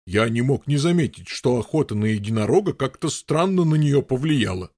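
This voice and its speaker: A man's voice: medium pitch, animated, fairly quick, a little mellow, no room sound, clean studio sound, natural voice. A man voicing a stolid, fussy knight who talks ponderously and fumbles for words. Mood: musing. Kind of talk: audiobook character voice.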